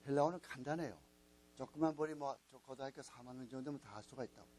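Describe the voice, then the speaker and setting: A man's voice: mid-range voice, fast, a little mellow, a little hiss or hum, rough recording. Man teaching, coaxing and repetitive. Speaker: Bible teacher at a missionary training school. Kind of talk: classroom lecture.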